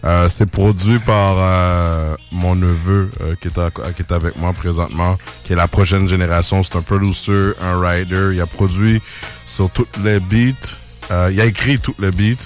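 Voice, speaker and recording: A man's voice: low voice, fairly even intonation, normal speed, soft background music. A man in his forties with a Québécois accent, a rapper talking casually as a guest and mixing in English slang. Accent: Québécois French. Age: 40s. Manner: laid-back, mixes in English slang. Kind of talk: casual interview chat.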